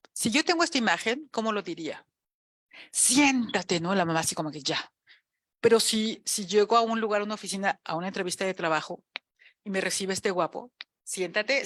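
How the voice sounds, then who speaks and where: A woman's voice: mid-range voice, fairly bright tone, no room sound. A woman with a Mexican Spanish accent giving an academic lecture in a chatty way, often checking in with her listeners. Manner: chatty, frequent tag questions. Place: university auditorium.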